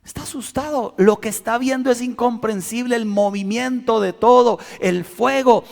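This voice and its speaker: A man's voice: very high-pitched, normal speed, vocal fry. A man preaching a sermon, telling a personal story and acting out cries and quotes with dramatic swings. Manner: dramatic, acts out shouts and quotes. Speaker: pastor. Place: church hall. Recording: long hall reverb.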